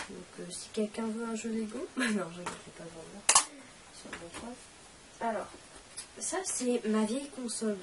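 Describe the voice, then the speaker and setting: A teenage girl hosting her channel does a casual vlog Q&A while sick with a cold and coughing, chatting in a rambling, self-mocking way. Her slightly high voice sits far from the mic amid heavy background noise.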